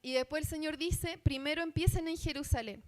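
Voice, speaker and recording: A woman's voice: high-pitched, fairly even intonation, a little fast. A woman from Chile with a Chilean accent, preaching a sermon as a missionary in church, earnest and asking the congregation questions. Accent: Chilean Spanish. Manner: earnest, asks the congregation questions, many fillers.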